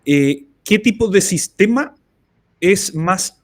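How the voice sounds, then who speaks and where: A man's voice: sits high, lively intonation, slow pace. A man, interviewing a guest casually, chiming in with short agreements and asking probing questions. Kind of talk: conversational interview.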